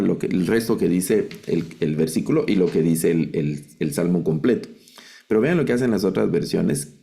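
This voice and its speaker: A man's voice: low voice, gravelly, dark tone. A man lecturing in an online Bible translation class, explaining patiently and often ending points with a rhetorical question tag.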